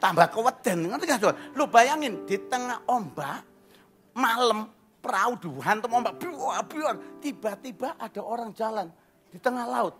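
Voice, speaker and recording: Bright-voiced preacher. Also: male voice, extremely high pitch, moderate pace, soft background music. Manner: energetic, humorous preaching with Javanese slang. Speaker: pastor. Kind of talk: sermon.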